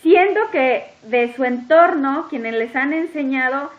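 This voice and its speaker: A woman hosting an interview, talking in a lively, emphatic way. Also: high voice, unhurried. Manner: talkative, lively, emphatic listing. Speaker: podcast host interviewing a guest. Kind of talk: casual interview chat. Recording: dull lo-fi audio.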